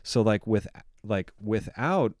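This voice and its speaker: A man's voice: fairly low pitch, animated, takes it slowly. A man who produces music, walking through his production in a casual, enthusiastic way, full of filler words, talking into a studio microphone. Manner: chatty and enthusiastic, many "like" fillers.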